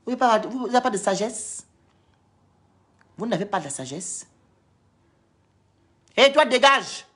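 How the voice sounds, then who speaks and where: A woman's voice: medium pitch, expressive, moderate pace, long pauses. A woman from Gabon, scolding and lecturing her viewers in a heated, repetitive live-stream rant.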